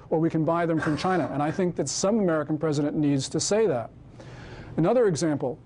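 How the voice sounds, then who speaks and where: Impassioned male lecturer, mellow voice. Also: on the high side, a little hiss or hum. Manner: impassioned, emphatic. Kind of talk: public lecture with audience Q&A.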